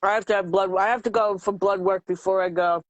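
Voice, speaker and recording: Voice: mid-range voice, steady tone, brisk, no echo, highs cut off. A podcast co-host in casual chat, talking easily while snacking and laughing often.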